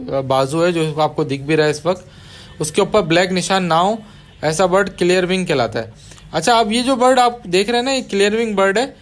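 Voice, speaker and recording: A man teaching budgie breeding in a patient voice-over, repeating key terms and dropping casual asides to his viewers. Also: sits high. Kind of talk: explanatory voice-over over bird footage.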